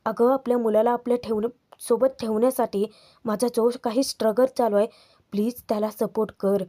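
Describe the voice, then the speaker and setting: A stern, scheming father argues urgently and firmly with his wife, as a woman narrator reads him. The voice is soft-toned and on the high side. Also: level tone, fairly quick, natural voice. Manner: firm, urgent reasoning.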